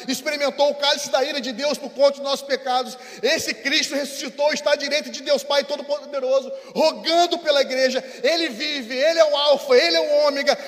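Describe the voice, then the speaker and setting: A high-pitched man with a Brazilian Portuguese accent delivers a sermon in a church hall. He repeats key phrases, swinging from fervent proclamation to hushed intimacy, and his voice trails off in a long, echoing reverb. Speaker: preacher.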